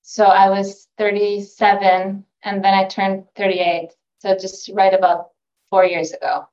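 A woman's voice: mid-range voice, flat delivery, measured pace, darkish tone. Chatty woman in her forties, from Norway. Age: 40s. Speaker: guest. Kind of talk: casual podcast interview. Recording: dull lo-fi sound.

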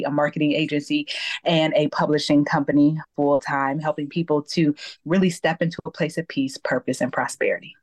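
A woman's voice: low voice, dry recording. A woman guest on an interview show, telling her personal faith story in an earnest, storytelling way. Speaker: guest, accountability coach. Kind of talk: personal testimony in a podcast interview.

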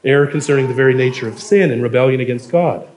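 A man's voice: mid-range voice, fast talker, a little mellow, slight background noise. A man preaching a sermon, earnest and emphatic, reading quotations aloud and building to firm points. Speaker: pastor.

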